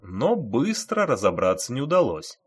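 Man, audiobook narration, husky voice, lively pitch, dramatic reading. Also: normal speed. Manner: expressive, dramatic.

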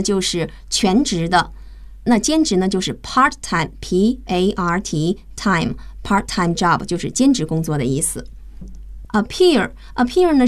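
A woman teacher leads a bilingual radio English lesson. Her voice sits at an ordinary middle pitch, and she explains each word patiently, step by step, often spelling it out letter by letter.

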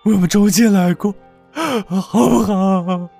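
A drunk, sobbing husband wailing. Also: male voice, high-pitched, slow, vocal fry, soft background music, voice pushed up, exaggerated voice. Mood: sobbing pleading. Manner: wailing, pleading, shouting. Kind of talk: audiobook character voice.

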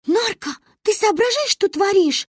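A woman voicing a bossy, excitable little girl who exclaims loudly and insistently. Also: extremely high pitch, unhurried, dry recording, clean studio sound, pitched above the performer's own voice.

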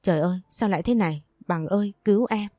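A furious young wife, wronged and desperate, firing off accusations at high speed, as a woman reading the audiobook puts her on. The voice stays low and mellow under the anger, in a dry, close recording. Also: no echo, close to an everyday voice. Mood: pleading. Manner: rapid, shouting accusations.

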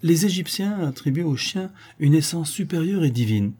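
A man voicing a calm, learned young gentleman who speaks in a measured, erudite way, in an audiobook reading. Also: a little high, slightly rough, pitched above the performer's own voice. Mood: assured.

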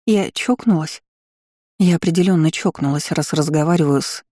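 A woman's voice: low-pitched, normal speed, mellow, dry recording, clean studio sound. A woman voicing a frightened young heroine on the edge of hysteria in an audiobook. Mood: panicked. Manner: panicky, near hysterical.

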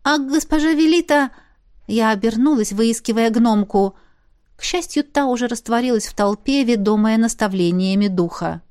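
Expressive woman reading a fantasy audiobook. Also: fairly high pitch, moderate pace, no room sound, studio quality. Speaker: audiobook narrator.

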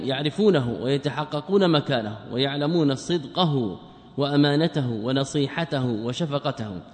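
A man teaching a religious text in a lesson, who asks rhetorical questions, answers them himself and repeats key words for emphasis. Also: fairly high pitch. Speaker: Islamic scholar teaching a text. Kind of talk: classroom commentary on a religious text. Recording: long reverb of a large hall.

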